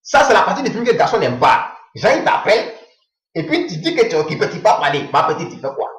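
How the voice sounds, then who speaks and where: A man telling a comic monologue in an animated way, slipping into low muttered voices as he acts out phone calls. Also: quick pace, echoey room, low-quality recording.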